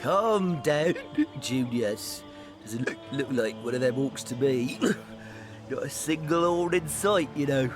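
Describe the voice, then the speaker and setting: An actor playing an easygoing, wry, tippling guard in a fantasy game, mocking in a laid-back way. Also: male voice, mid-range voice, expressive, slow. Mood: amused. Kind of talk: fantasy video game voice acting. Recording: loud music under the voice.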